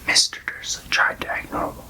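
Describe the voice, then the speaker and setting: Casting: reader for whispered role-play, fully unvoiced library whisper, hushed and unhurried storybook narration.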